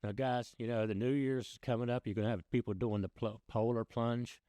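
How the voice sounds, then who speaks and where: A man's voice: medium pitch, fairly even intonation, fairly quick, music in the background. A man hosting a boating news video in a casual, folksy way, talking straight to viewers. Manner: folksy, addresses viewers as guys.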